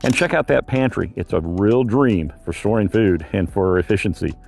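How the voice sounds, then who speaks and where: A man's voice: on the low side, normal speed, vocal fry, a little mellow. A man working as a real estate agent, giving a casual, chatty tour of a home and neighborhood, outdoors at times, rambling with frequent filler sounds.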